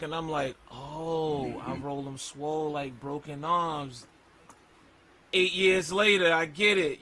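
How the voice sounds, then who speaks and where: Animated slangy rapper, fairly high voice. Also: male voice, slight background noise, rough recording. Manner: animated, slangy, quotes lyrics mid-sentence. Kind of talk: casual interview chat.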